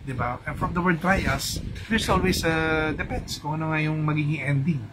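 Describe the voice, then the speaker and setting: A man's voice: fairly high pitch, moderate pace, background noise. Chatty Filipino male feng shui coach. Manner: chatty, mixes in English, asks "di ba?" often. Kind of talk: casual live talk to an audience.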